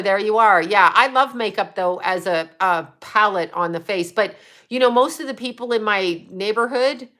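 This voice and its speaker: Her voice sits in the mid-range and carries a sharp tone. She's a livestream host in her fifties, casually chatting with viewers, offering tips and cursing out trolls in a blunt, foul-mouthed way.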